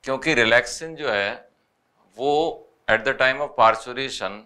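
Bright, clear Indian male teacher. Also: medium pitch. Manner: mixes Hindi with English, reads questions slowly. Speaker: biology teacher. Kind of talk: explaining test solutions.

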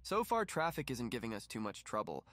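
A man narrating a documentary voice-over in a calm, even, explanatory way. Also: medium pitch, fairly quick, noisy background.

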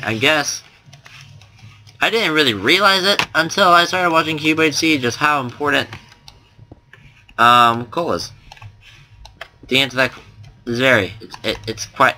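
This young man has a medium-pitched, expressive voice that sounds pushed and bright, and the audio quality is poor. He talks at a moderate pace with frequent pauses, giving casual gameplay commentary with a slight lisp. His delivery is rambling and self-deprecating, packed with fillers and restarts.

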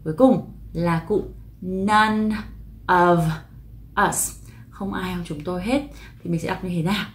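A woman with a lowish, steady voice teaches English pronunciation in a video lesson. She explains patiently and repeats each example slowly.

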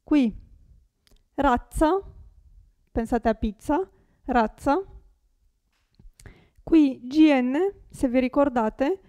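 A young woman with an Italian accent teaching Italian pronunciation, saying each word slowly and carefully and repeating it. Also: sits high, dark tone, no room sound. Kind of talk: pronunciation lesson.

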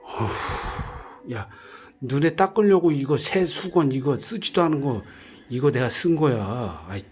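Exasperated man, gruff scolding monologue, repeats commands, faint music under. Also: medium pitch, animated, measured pace, darkish tone. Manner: repetitive commands, sighing. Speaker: vlogger caring for puppies.

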